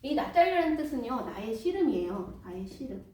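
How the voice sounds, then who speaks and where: Animated woman telling a Bible story. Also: high-pitched, brisk. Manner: lively, asks the listeners questions. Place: church hall. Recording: echoey hall, distant mic, faint noise.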